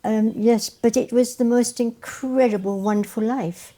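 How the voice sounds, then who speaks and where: An older Welsh woman whose first language is Welsh, a guest and educator, reminisces in interview answers. Her mellow voice is on the high side with fairly even intonation and a slightly slow pace, and she tells stories warmly, repeating phrases for emphasis.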